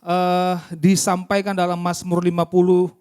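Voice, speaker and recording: Male preacher, high voice, chatty and interactive, keeps quizzing the congregation. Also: unhurried, clear, resonant tone. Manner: lively, keeps asking the congregation questions. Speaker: pastor. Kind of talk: interactive sermon. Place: church service.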